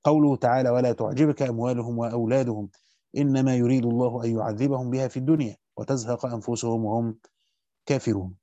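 A man reads a classical scripture commentary to his students at a brisk steady clip, slowing now and then to stress a word. His tone is mellow and dark, and the recording is dry and close. The sound is slightly dull, lo-fi. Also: medium pitch, no room sound. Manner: rapid steady recitation, slows to stress key words. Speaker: teacher reading a Quran commentary aloud. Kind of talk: fast scholarly reading of a classical text with brief comments.

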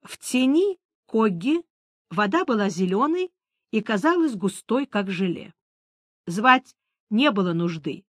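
Woman, audiobook narration, measured expressive reading, dry close sound. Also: mid-range voice, no echo. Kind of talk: scripted narration.

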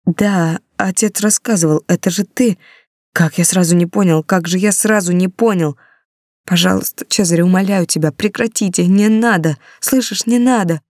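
A woman's voice: lowish voice, moderate pace, a little mellow, no echo, clean studio sound, close to an everyday voice. A woman reading an audiobook, voicing a desperate mother in a pleading, tearful way.

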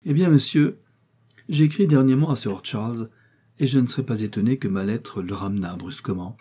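A man's voice: mid-range voice, a little fast, warm tone, husky, lightly acted. A man voicing a scheming young orphaned heiress who complains melodramatically, reading an audiobook. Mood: plaintive. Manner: plaintive, melodramatic.

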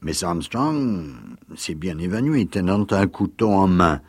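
A huge, worn-out male secretary in a storybook reading, as a man reads him. His confessions come blunt and heavy, low-pitched and slow. The recording is close and dry. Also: lively intonation, husky, dry recording, exaggerated voice. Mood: grave.

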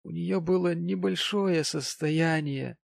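A man voicing a tipsy, tearful, sanctimonious widowed gentleman, talking in a maudlin, slurred, pompous way in an audiobook. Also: a little high, slow pace, creaky, no echo, voice pushed up, heavily acted.

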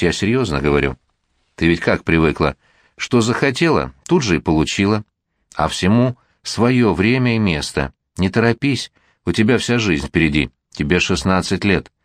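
An exasperated middle-aged mother lectures her teenage daughter in a stern, reproachful way, as a man reading the book puts her on. The voice sits low but swings a great deal in intonation. The recording is dry and close, with no room sound around it. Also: no room sound. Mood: lecturing. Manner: stern, reproachful, sharp-tongued. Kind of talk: audiobook character reading.

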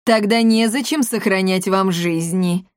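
A woman voicing a gruff, menacing old male ghost general in a storybook, roaring out threats slowly. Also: medium pitch, lively intonation, darkish tone, no room sound, studio quality, natural voice.

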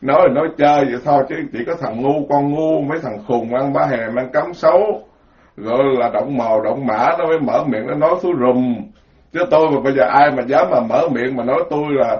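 A Buddhist monk with a Southern Vietnamese accent delivers a loose, folksy sermon. He teases and stacks words into emphatic lists, his voice sitting at an ordinary middle pitch. The recording is dull and lo-fi. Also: a little fast. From southern Vietnam, Mekong Delta. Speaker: Buddhist monk giving a dharma talk. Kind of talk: informal sermon.

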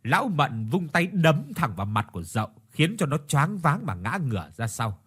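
A man's voice: a little high, big pitch swings, normal speed, fairly bright tone, breathy edge. A man narrating a village ghost story in a dramatic storytelling style, acting out each character. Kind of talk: scripted horror story narration. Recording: narration over faint background music.

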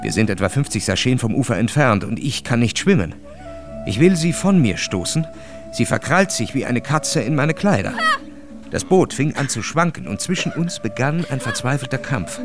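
A man narrating a literary radio drama in a measured, calm storytelling voice. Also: mid-range voice, music in the background.

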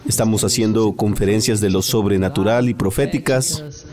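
A man's voice: lowish voice, moderate pace. A man interpreting a sermon live in a church, repeating each phrase right after the preacher. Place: church hall with a congregation. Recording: live church recording with a crowd behind. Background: congregation.

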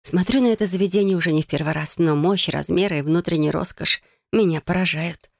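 Gravelly woman narrating an audiobook. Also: lowish voice, a little fast, no echo, studio quality. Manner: conversational, addresses listeners directly. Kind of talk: first-person audiobook narration.

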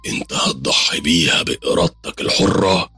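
Guy doing a sly egyptian devil, slow and menacing, deep rough voice. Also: pushed and bright, soft background music, full character voice. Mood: taunting. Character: sly, cruel male devil tempter.

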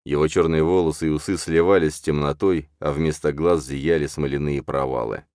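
Deep deep voice guy reading a dark fantasy audiobook, dry close sound. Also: fairly even intonation, a little fast, smooth, no echo. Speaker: audiobook narrator. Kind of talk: scripted narration of a dark fantasy novel.

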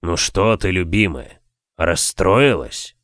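A domineering husband who gives his orders slowly and deliberately, his words stretched out, as a male narrator puts him on. The voice sits fairly low. The recording is close and dry, with no room sound at all. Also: expressive, fairly bright tone, dry recording, heavily acted. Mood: soothing. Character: domineering commanding husband, adult man.

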